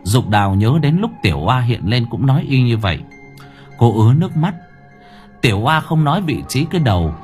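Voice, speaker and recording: A man narrating a horror story in a dramatic, expressive way. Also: mid-range voice. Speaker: audiobook narrator.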